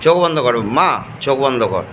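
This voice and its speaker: A man gently and softly coaxing a possessed person with repeated questions during a ritual. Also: mid-range voice, animated, quick pace, background noise. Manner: soft, coaxing, repeats endearments. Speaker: assistant at an exorcism ritual.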